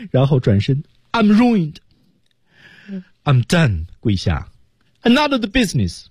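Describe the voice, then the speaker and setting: A man co-hosting an English lesson on a radio program, explaining lively and acting out English lines. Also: a little high, unhurried, husky, no echo, studio quality. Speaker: radio English teacher, co-host. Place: radio studio.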